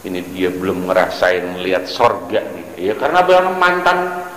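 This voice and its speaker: A man's voice: low voice, normal speed. A man teaching a religious book study, joking and quizzing his audience as he goes. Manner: jokey, animated, quizzes the audience. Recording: echoey hall with light ambient noise.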